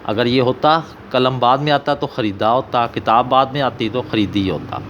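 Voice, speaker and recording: A man with a Pakistani Punjabi accent, an Urdu teacher working through an exam paper and slowly repeating example sentences. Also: medium pitch, fairly bright tone, dull audio, slight background noise.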